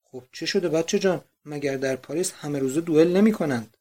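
A man voicing a calm, ironic middle-aged man, a disguised escaped convict, in an audiobook. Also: a little high, natural voice. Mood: calm mocking.

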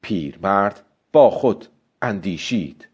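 A man narrating a story as a scripted audiobook, in a calm, steady way. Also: lowish voice, breathy edge.

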